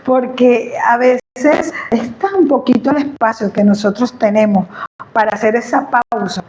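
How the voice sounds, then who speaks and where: A woman, speaking as a therapist in a lively, chatty way about inner peace, often checking whether she is understood. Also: a little high, measured pace, lo-fi sound, slight background noise. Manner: chatty, animated, asks "¿me entiendes?". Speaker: host, therapist. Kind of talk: conversational talk on inner peace.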